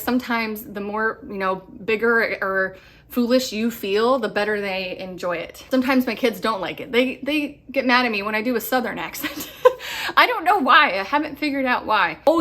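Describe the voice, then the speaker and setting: In a casual advice talk to camera, a thirty-something homeschool vlogger stays upbeat and chatty, laughing often. She speaks at a fairly high pitch with a fairly bright tone.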